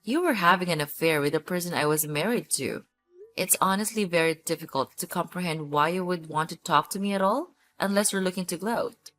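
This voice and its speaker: A woman's voice: lowish voice, brisk, fairly bright tone, faint music behind, close to an everyday voice, rough recording. A woman acting a cool, sarcastic betrayed ex-wife in a scripted story, speaking in a cold, curt, dry manner. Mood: guarded, cold.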